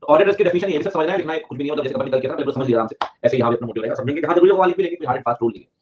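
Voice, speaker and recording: Fast-talking man teaching a class. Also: a little high, a little hiss or hum. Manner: chatty Hindi-English teaching, repeats key points, jokes with students. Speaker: CA exam teacher. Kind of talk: live online class lecture. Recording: dull lo-fi audio.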